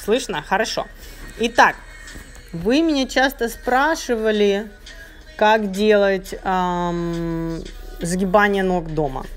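A woman's voice: medium pitch, slow, pauses often, soft background music. A woman fitness trainer coaching casually at home, giving short repeated encouraging cues and counting workout reps. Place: carpeted high-ceilinged living room at home. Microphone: handheld phone, sometimes covered by her hand.

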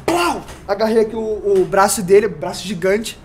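A man with a Brazilian accent telling a story on a casual podcast, animated, full of slang and sound effects. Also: sits high, normal speed, slight background noise. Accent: Brazilian Portuguese.

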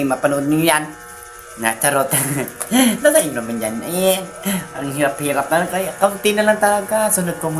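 A woman vlogger, chatting casually and teasingly while giving shout-outs to viewers. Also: sits low, background noise. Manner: chatty, teasing, giggly asides.

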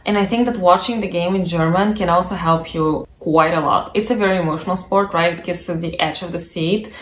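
A woman's voice: lowish voice, fairly quick, roomy sound. A woman giving a casual, reassuring explainer about learning a language, chatty with frequent asides. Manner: chatty, reassuring, many "you know" asides.

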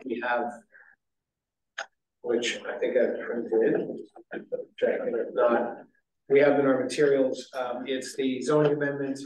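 A man's voice: medium pitch, darkish tone, a little hiss or hum. Guy chairing a city board meeting, lots of ums and restarts, far from the mic. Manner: rambling, many fillers and restarts. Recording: echoey meeting room, distant mic.

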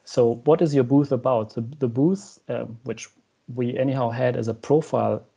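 A man's voice: mid-range voice, normal speed, creaky, warm tone, breathy edge. A young man, a company co-founder, explaining a product step by step on a video call, with frequent "um" fillers. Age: young adult. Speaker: guest, co-founder of the company discussed. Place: room at home with shelves, indoors. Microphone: wired earphone headset mic.

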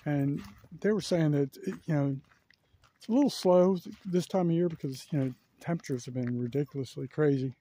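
Touring a campground on foot, a man films with a handheld camera and talks casually, musing aloud with lots of filler words. He speaks somewhat high and fairly quickly, in a mellow tone.

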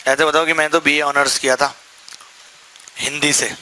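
A man's voice: fairly high pitch, little pitch movement, moderate pace, sharp tone, poor audio. A young man teaching a maths class, asking the students questions and answering them himself, with jokey, chatty asides. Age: young adult. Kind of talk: classroom lecture.

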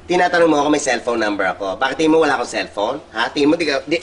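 Man, comic skit lead, fast and sarcastic, noisy phone-video sound. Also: medium pitch, animated. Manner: mock-bossy, sarcastic, chuckling. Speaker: comedian doing skits.

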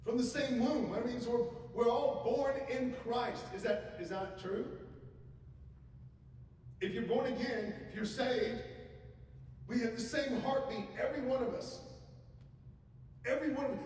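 A man's voice: extremely high pitch, a little mellow, slight background noise. A middle-aged man preaching a sermon at a church pulpit, talking conversationally and asking the congregation questions. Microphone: handheld microphone. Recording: echoey church hall from a distance.

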